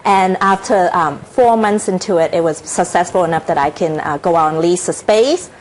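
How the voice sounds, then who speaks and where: On a TV interview, a middle-aged Hong Kong author and inspirational speaker speaks with her native accent, sincere yet halting and full of fillers and restarts. Her voice is lowish, and the rough recording carries slight background noise.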